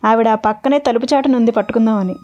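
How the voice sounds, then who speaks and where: A woman retelling a devotional story in an animated, expressive way. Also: a little high, fast, highs cut off.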